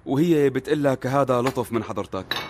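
A man's voice: medium pitch, a little fast, noisy background, lightly acted. An actor with a Syrian accent playing a fretful, defensive middle-aged divorced father who talks over others and protests. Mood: flustered. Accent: Syrian Arabic.

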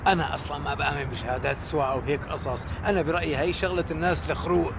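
A man's voice: on the high side, steady tone, very fast, background noise, natural voice. A man playing a cheeky, reckless Syrian uncle in a drama, flippant and evasive, talking conversationally. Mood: breezy, cheeky. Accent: Syrian Arabic.

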